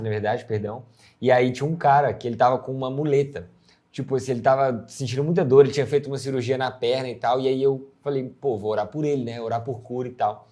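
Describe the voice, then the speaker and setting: A man with a Brazilian Portuguese accent tells a story in relaxed, slangy speech. He speaks at a fast clip, and his voice is of ordinary pitch. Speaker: co-host. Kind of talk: casual chat.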